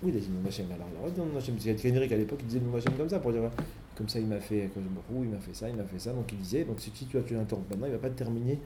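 A man's voice: on the low side, racing, background noise. A man teaching a Torah study lesson, explaining step by step and mixing in many Hebrew terms.

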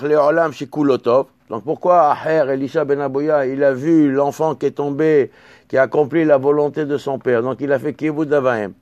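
Male Torah teacher, slightly high voice, dry recording, reads texts slowly, explains with restarts. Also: darkish tone, no room sound. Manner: halting, repeats and restarts words while explaining; slows down to read out texts. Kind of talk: Talmud lesson, reading Hebrew and Aramaic then explaining in French.

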